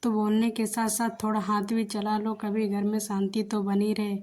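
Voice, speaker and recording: A woman voicing a calm, kindly older father-in-law in a narrated story, in her own flat voice. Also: mid-range voice, moderate pace, close to an everyday voice. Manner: gentle, mildly irritated.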